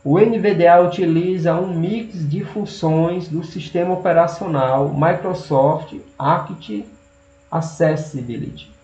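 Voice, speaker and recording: A Brazilian man presenting a lesson, partly reading aloud, halting and pausing mid-sentence. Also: a little high, dark tone. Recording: roomy, dull audio with hum.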